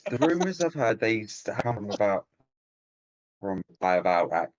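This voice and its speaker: A man talking casually on a stream over an online call, his audio choppy and breaking up, his sentences halting and restarting. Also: on the low side, sing-song. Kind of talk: casual chat.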